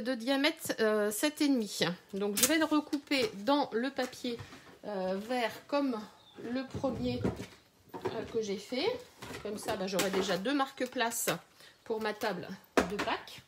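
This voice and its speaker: A woman's voice: a little high, background noise. A woman runs a live crafting tutorial, chatting to viewers with many hesitations and little laughs, recorded on a phone. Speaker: craft demonstrator.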